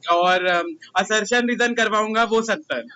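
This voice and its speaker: Young male commerce tutor, Indian accent, bright high voice, chatty and teasing, faint room noise. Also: a little slow, rough recording. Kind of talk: casual classroom talk.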